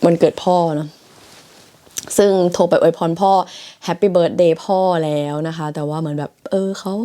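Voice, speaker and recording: A woman's voice: on the low side, steady tone, moderate pace, dark tone. A young woman from Thailand chatting casually to her viewers in a vlog from her bedroom, loose and full of fillers. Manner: chatty, filler-heavy, addresses viewers as everyone. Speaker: vlogger. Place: her bedroom in a shared house.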